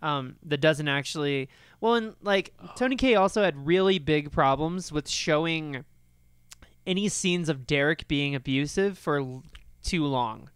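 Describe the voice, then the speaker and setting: A man co-hosting a podcast, talking about a film in a rambling, animated, profane way. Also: on the high side, measured pace, clean tone, no room sound, studio quality. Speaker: podcast co-host. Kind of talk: casual film discussion.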